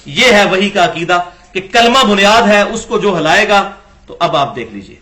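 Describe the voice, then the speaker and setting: High bright-voiced male lecturer. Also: lively intonation. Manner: argumentative, rhetorical questions, acts out quoted dialogue. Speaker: religious lecturer. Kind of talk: recorded religious lecture.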